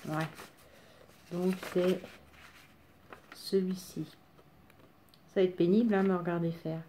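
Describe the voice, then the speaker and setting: Mellow, raspy woman with a smoker's voice. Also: on the low side, fairly even intonation, takes it slowly, slight background noise. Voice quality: smoker's rasp. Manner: self-deprecating, rambling, chatty. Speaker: craft tutorial presenter. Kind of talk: casual unscripted craft demonstration.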